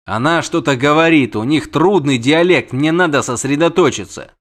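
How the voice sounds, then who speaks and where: A man voicing a weary witcher who translates for others in an audiobook, in a measured, patient manner. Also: fairly high pitch, a bit bright, voice pushed up, close to an everyday voice. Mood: tense. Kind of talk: audiobook character voice.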